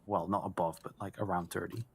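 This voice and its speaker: A man in his twenties with a fairly low voice casts esports. His commentary is emphatic, built on short repeated phrases and loose banter. A clear layer of noise and clicks sits on the recording. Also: fairly even intonation, fast talker, a little mellow. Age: 20s. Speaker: esports caster.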